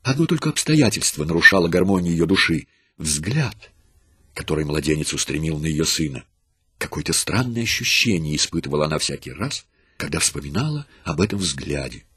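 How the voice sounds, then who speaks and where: Male narrator, husky and dry, solemn dramatic reading of a sacred story. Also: a bass voice, very animated, fairly quick, pushed and bright, no room sound.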